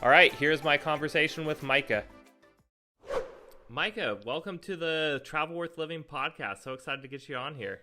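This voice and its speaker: A man's voice: a little high, moderate pace, bright, forceful tone, faint music behind. A man hosting a podcast, chatting with enthusiasm and plenty of fillers. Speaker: podcast host. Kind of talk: casual podcast chat.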